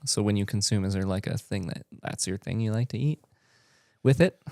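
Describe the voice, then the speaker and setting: A man's voice: lowish voice, a little fast, creaky, a little mellow, no room sound, studio quality. A man hosting a podcast, chatting eagerly and laughing often with his guests. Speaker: podcast host. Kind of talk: casual chat.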